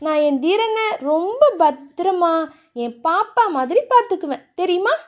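A woman's voice: lively intonation, normal speed. A woman voicing an innocent, playful young heroine in a romance audiobook, with a childlike, cheerful way of speaking. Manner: childlike, cheerful, high and sing-song.

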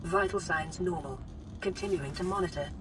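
A woman voicing a gentle care-robot computer. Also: fairly low pitch, normal speed, natural voice. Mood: calm. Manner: calm, even, soothing machine announcements. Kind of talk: in-game system announcements. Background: game music.

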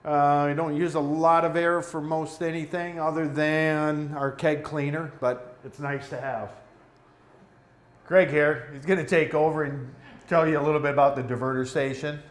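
This brewery owner has a somewhat high-pitched voice and talks at a normal speed, giving a casual equipment walkthrough among the steel tanks on his indoor brewery floor. He's relaxed and practical, pointing things out as he goes. The room is echoey, with a faint hum in the background.

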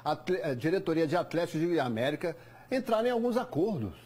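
A man's voice: fairly high pitch, sing-song, quick pace, darkish tone, slightly rough. A man with a Brazilian accent hosting a studio sports chat show, joking and teasing his guests. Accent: Brazilian Portuguese.

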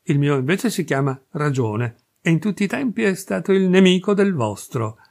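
A man's voice: a little high, very animated, normal speed, gravelly, a little mellow, pitched above the performer's own voice. A man putting on a brash, scornful Parisian man. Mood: lecturing. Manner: boastful, scornful, declaiming.

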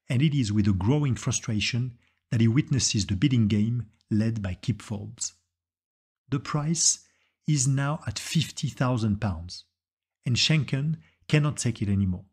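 A man narrates a story from a script, his voice slightly husky and breathy. He sits at an ordinary middle pitch and builds suspense with dramatic delivery. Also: a little mellow.

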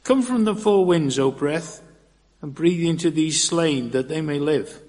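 A man reading scripture aloud in a church, deliberate and expressive, at a pulpit microphone. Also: fairly high pitch. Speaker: scripture reader. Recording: long church reverb.

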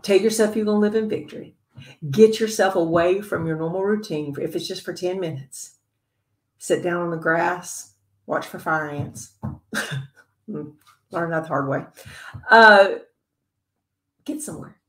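A woman giving a devotional Bible teaching to other women, earnest and conversational, sometimes dropping to a soft whisper. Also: fairly low pitch, a little slow, long pauses, echoey room.

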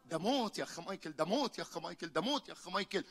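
A young man with an Egyptian accent preaching a lively sermon, calling on the congregation to repeat lines after him, swinging between loud and hushed. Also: sits high, racing. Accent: Egyptian Arabic. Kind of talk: lively call-and-response sermon. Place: church hall.

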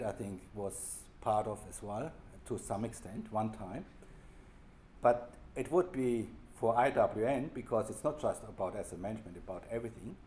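A man's voice: medium pitch, darkish tone, slight background noise. A man with a German accent gives an unscripted workshop update as program leader, restarting phrases and using plain informal wording. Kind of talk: workshop presentation. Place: workshop room.

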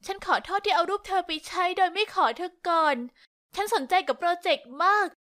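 A woman's voice: extremely high pitch, brisk, a bit bright. A woman voicing a young female fashion designer who is sorry and pleading, in a storybook tale. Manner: apologetic, pleading.

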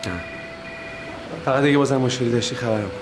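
An actor playing a smooth-talking, scheming older brother who gives calm, patronizing advice. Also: male voice, medium pitch, background noise, natural voice. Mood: condescending.

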